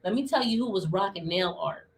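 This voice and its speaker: A woman co-hosting a casual chat, animated and playful, telling stories with a lot of expression. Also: fairly low pitch, fairly quick. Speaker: podcast co-host.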